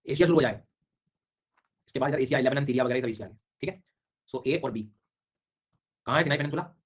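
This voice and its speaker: A man runs an online geography class, talking very fast and calling on students by name. His comes through as he explains and questions them. The recording is dull and lo-fi. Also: medium pitch, slightly rough. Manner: brisk, quizzing students by name. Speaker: teacher.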